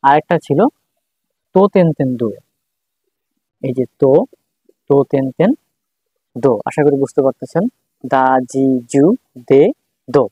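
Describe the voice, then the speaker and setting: A man's voice: medium pitch, a little slow, pauses often, dark tone, slightly rough, no room sound, poor audio. A man teaching a writing lesson, patiently repeating syllables one by one as he writes. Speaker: language teacher.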